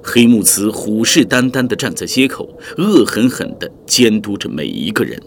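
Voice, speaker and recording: Guy telling a dramatic story, lowish voice, lively pitch, music under. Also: normal speed, background noise. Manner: vivid expressive storytelling. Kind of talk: dramatic audiobook narration. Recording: background music.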